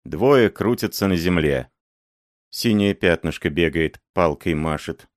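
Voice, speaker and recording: Audiobook male narrator, grave storytelling, low voice, very lively pitch. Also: a little slow, no room sound, studio quality.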